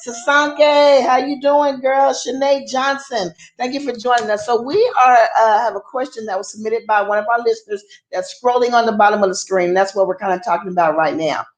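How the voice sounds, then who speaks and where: A woman hosting a casual online radio talk show, her voice sitting a little high. She greets listeners by name and breaks into laughter as she chats. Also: steady tone, fairly quick, hardly any pauses, roomy sound, low-quality recording. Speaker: host.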